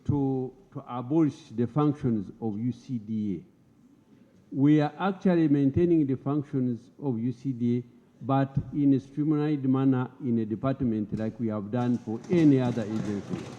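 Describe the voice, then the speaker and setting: A man's voice: medium pitch, moderate pace, mellow. A man speaking formally as a government minister in a parliamentary debate, often repeating words as he presses his point. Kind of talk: parliamentary address. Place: parliament chamber. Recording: lo-fi broadcast audio in a reverberant chamber.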